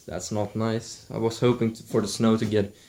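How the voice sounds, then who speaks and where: Slow, low-voiced young man vlogging at home. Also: slight background noise. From Sweden. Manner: slow and halting, with many restarts. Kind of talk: casual vlog. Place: at home indoors.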